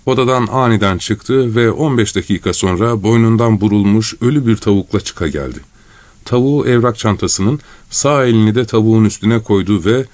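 A man narrating a literary short story in a measured, even storytelling manner. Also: lowish voice, dry recording. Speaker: audiobook narrator.

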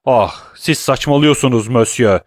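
A cornered prosecutor in a storybook, played by a male reader, flustered and evasive, his voice pitched slightly above plain narration. The sound is close and dry. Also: a little slow, no echo, close to an everyday voice. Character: frightened royal prosecutor, cornered middle-aged man.

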